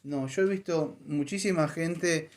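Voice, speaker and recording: A man preaching a conversational sermon in a church, animated and acting out voices in his stories. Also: fairly high pitch, measured pace. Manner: animated, acts out voices in anecdotes. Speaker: pastor.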